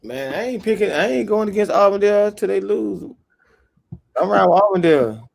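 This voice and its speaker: A man's voice: sits high, animated, a little fast, gravelly, a little mellow. A man co-hosting a casual basketball podcast, joking and sarcastic, laughing often. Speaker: podcast co-host. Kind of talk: casual sports chat.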